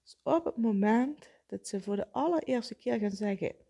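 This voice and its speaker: Woman therapist, mellow husky tone, calm explainer; slows to stress key points. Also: on the high side. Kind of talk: explanatory talk on self-help.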